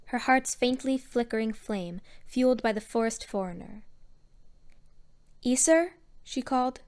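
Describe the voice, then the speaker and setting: A woman narrating a story in a measured storytelling manner. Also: on the high side, clear, resonant tone. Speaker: audiobook narrator.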